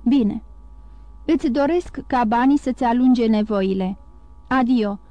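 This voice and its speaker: A woman voicing a calm, grave male priest who talks in a measured, quiet way in an audiobook. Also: a little high, no echo, muffled recording, natural voice.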